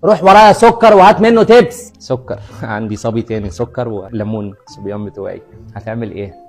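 A man's voice: fairly low pitch, level tone, dark tone, soft background music, lightly acted. An actor playing a cheeky neighborhood barber who teases his customers nonstop, with an Egyptian Arabic accent, in a comedy sketch. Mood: teasing. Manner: teasing, bantering, rapid-fire jokes at customers. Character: cheeky joking neighborhood barber, adult man.

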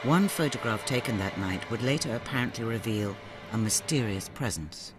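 A man narrating a documentary in a measured, ominous scripted read. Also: medium pitch, animated, music in the background.

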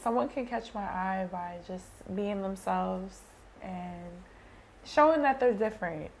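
A woman's voice: mid-range voice, a little slow, slight background noise. A woman in her twenties chatting casually as a podcast guest, blunt and slangy. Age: 20s. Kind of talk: casual chat. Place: small studio set on a couch, indoors.

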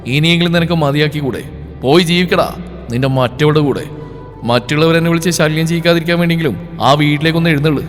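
A man's voice: on the high side, quick pace, close to an everyday voice. A man voicing an angry young man who harshly scolds a friend over the phone. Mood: angry scolding. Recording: reverb with background music.

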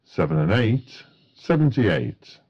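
A man's voice: fairly low pitch, very animated, takes it slowly, slightly rough, lo-fi sound. A man working as a bingo caller, announcing numbers in set phrases with a matter-of-fact delivery.

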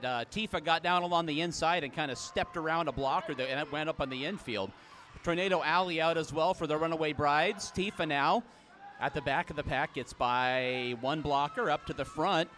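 A man calling live play-by-play, with brisk calls that jump up in pitch and loudness on big plays. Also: slight background noise. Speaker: play-by-play commentator. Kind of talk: live sports commentary.

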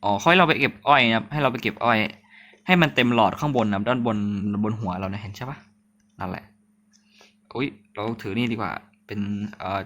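A man's voice: mid-range voice, lively intonation, a little fast, a bit bright. Chatty young man narrating his gameplay. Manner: chatty, jokey, startled yelps and self-talk. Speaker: gaming channel host. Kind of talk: casual let's-play commentary.

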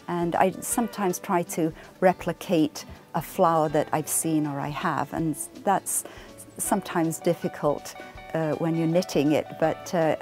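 An English fibre artist in her sixties speaks reflectively and softly in a documentary interview, in a lowish voice with frequent pauses, ums and uhs. She's in her home craft room, with soft music playing underneath.

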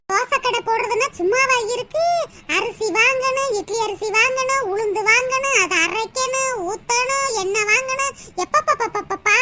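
A woman's voice: pushed and bright, slight background noise. A woman voicing Rani, a chatty and dramatic village woman in a cartoon comedy, speaking with a Tirunelveli Tamil accent and plenty of exclamations. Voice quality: shrill, exclaiming, scolding. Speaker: Rani akka.

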